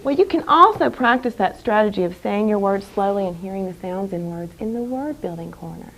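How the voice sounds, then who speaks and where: A woman's voice: mid-range voice, lively intonation, fairly bright tone, poor audio. Carefully enunciating woman teacher, some background noise. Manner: deliberate, carefully enunciated, instructive with repeated key phrases. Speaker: elementary school teacher. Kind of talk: classroom instruction to young children. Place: classroom with young children. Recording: clear background noise in a classroom.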